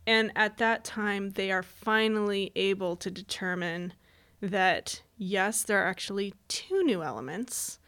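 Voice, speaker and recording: A woman's voice: medium pitch, unhurried, a bit bright, clear, resonant tone. A woman co-hosting a casual podcast, telling a history story in a chatty way and laughing often.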